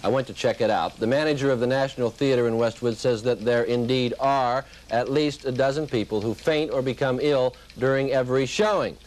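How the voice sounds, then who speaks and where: A man's voice: mid-range voice, rough recording. Male 1970s TV news reporter. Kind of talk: scripted news report and on-the-spot interviewing. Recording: 1970s television broadcast audio.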